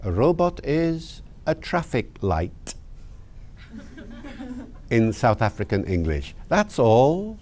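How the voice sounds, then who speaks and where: A man speaks as an interviewed language lecturer, explaining with anecdotes. His pitch moves freely and animatedly around a middle register. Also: extremely slow, long pauses, slight background noise. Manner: storytelling, lively and explanatory.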